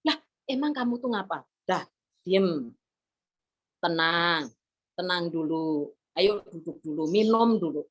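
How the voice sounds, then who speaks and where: A woman's voice: extremely high pitch, sing-song, unhurried, long pauses, heavily acted. A woman voicing a caring mother who soothes and firmly instructs her son, in a slightly muffled recording. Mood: soothing. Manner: soothing yet firm, coaxing. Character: calm, firm, caring mother.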